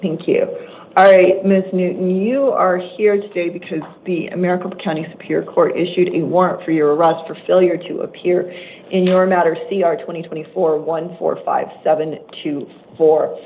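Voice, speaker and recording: Judge, formal and procedural, mid pitch, on a narrow tinny courtroom recording. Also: steady tone, moderate pace. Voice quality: formal, procedural, with brief apologetic asides. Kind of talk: reading court orders at an initial appearance. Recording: tinny courtroom audio recording with faint hiss.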